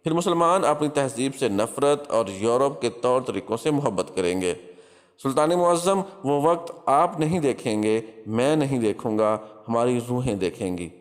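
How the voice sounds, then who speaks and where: A man with a mid-range, animated, natural voice plays a captured crusader spymaster in a storybook tale, speaking at normal speed. Coolly defiant and ominous, he prophesies with solemn, declamatory, emphatic address, wrapped in long hall-like reverb.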